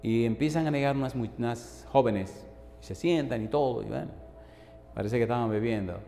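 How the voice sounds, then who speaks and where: A man's voice: medium pitch, fairly quick, gravelly, dark tone. Man preaching a sermon in an echoey hall. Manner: storytelling, swells to fervent preaching. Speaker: pastor. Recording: echoey hall with faint noise.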